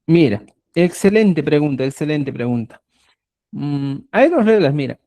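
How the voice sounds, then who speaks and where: A man's voice: a little high, a little slow. A man teaching a live class over a video call. His voice rises and falls a lot as he explains, and he keeps asking the students if they follow. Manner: lively, checks in constantly with "¿ya?". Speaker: Quechua teacher. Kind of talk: live online language class.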